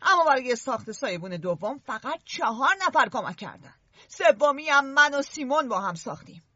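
A woman's voice: high voice, sing-song, bright, forceful tone, no room sound, highs cut off, heavily acted. A woman voicing Ralph, an earnest, stern boy chief who lectures and scolds the others. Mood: lecturing.

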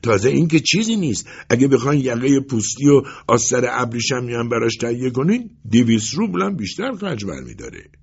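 A man's voice: mid-range voice, very animated, hardly any pauses, darkish tone, husky, pitched above the performer's own voice. Man doing a blunt, stubborn old tailor. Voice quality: blunt, matter-of-fact. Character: gruff stubborn older male tailor. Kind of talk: audiobook character voice. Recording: dull lo-fi recording.

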